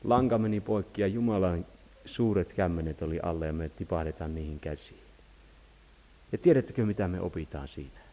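A man preaching a sermon, swinging between loud cries and hushed low tones. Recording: long hall reverb.

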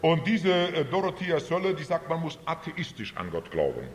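A man preaching in short phrases for an interpreter, building to loud emphatic peaks. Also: on the high side, big pitch swings. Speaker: guest preacher. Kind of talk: sermon with interpreter. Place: church hall. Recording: reverberant hall.

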